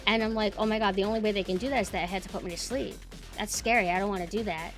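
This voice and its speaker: A woman's voice: mid-range voice, steady tone, rapid-fire. Woman streamer, rambling casually over music. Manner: rambling, informal, thinking aloud. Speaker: streamer, VTuber host. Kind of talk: casual live-stream chat. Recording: music behind the voice. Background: background music.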